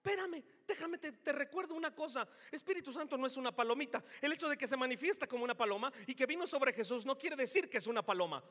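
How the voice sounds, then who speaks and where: A male preacher with a Mexican accent delivers an emphatic sermon in a strikingly high, bright voice. He shifts from soft, confiding asides to shouted climaxes. His voice carries a long reverb, as if in a large hall or church. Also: animated, fast talker, hardly any pauses. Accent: Mexican Spanish.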